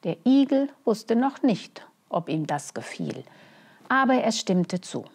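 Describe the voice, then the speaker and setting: A woman storyteller reading a children's bedtime story, gently and expressively, with hushed phrase endings. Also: fairly high pitch, big pitch swings, slow pace, gravelly, husky.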